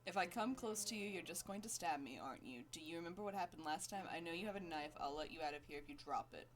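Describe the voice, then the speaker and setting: A woman's voice: on the low side, lively intonation, quick pace, slight background noise. A woman streaming a video game with casual, sweary, playfully sarcastic commentary.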